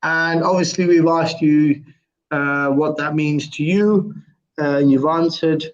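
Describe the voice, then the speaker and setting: A man hosting a casual online interview, halting and often repeating his phrases. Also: on the high side, steady tone. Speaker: host. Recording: dull lo-fi online call.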